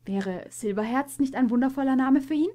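A woman voicing a gentle young mother mare in a storybook reading, sweet and tender. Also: high-pitched, fairly quick, pitched above the performer's own voice, close to an everyday voice.

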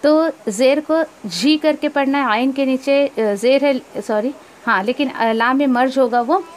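A woman with a high-pitched voice explains tajweed rules, then recites verses at a slow pace, correcting errors in pronunciation and weaving in English.

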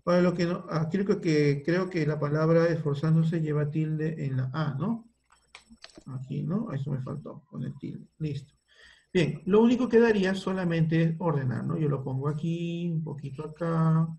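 A man's voice: on the high side, moderate pace, creaky, dark tone. A man teaching a primary school computer class over a video call, patiently thinking aloud as he works on the screen, with a Peruvian Spanish accent. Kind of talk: online class, guiding a word-processing task.

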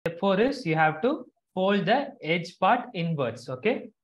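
Speaking in a very animated, mid-range voice at a slightly slow pace, a teacher guides kids through a craft during an online class. Instructions get repeated and comprehension checked, all heard through dull, lo-fi video call sound.

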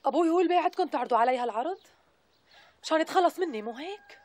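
An actress with a Syrian accent playing a young wife, hurt and tearful, in a TV drama. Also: female voice, high-pitched, expressive, rapid-fire, a little mellow. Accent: Syrian Arabic. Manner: tearful, wounded.

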